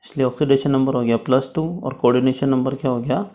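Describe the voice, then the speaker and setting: A man's voice: medium pitch, little pitch movement, warm tone. A man teaching chemistry in a step-by-step lecture, checking in often with his students. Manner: explains slowly, checks with "ठीक है".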